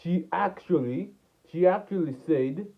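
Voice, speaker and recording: A man's voice: a little high, a little slow. Rambling man telling a story over tinny audio. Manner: rambling, repeats "and then I was like". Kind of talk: casual fictional storytime. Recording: tinny phone-like sound.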